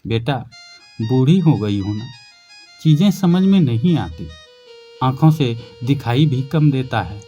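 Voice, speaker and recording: A man voicing a patient, loving aging mother with a soft, tender manner in a narrated story. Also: medium pitch, expressive, unhurried, muffled recording, faint music behind, lightly acted.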